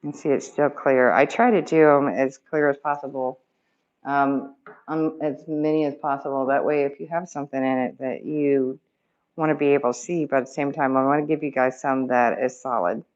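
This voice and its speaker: Chatty woman vlogger, low and husky-deep pitch, muffled phone-recorded sound, easygoing crafter. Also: fairly even intonation, normal speed, a little mellow. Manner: chatty, with loose fillers. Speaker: crafter showing her resin work. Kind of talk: casual chat to camera. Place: at home.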